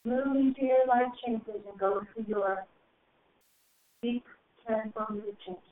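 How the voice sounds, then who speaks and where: A woman with a slightly high voice delivers a channeled spiritual message at a very slow, solemn pace, drawing out her phrases and letting them swell. She is heard through a tinny, narrow phone line. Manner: slow, solemn, drawn-out phrasing with soaring rises. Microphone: phone call.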